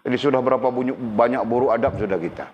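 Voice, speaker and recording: Middle-aged male religious teacher, animated lesson with questions to the audience, muffled lo-fi recording with light noise. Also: medium pitch, fast talker. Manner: lively, asks the audience questions. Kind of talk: sermon. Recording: dull lo-fi recording with faint noise.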